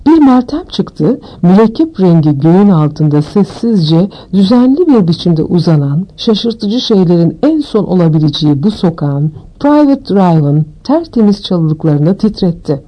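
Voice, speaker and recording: A woman narrating an audiobook with steady, expressive storytelling. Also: on the low side, a little slow, few pauses, poor audio.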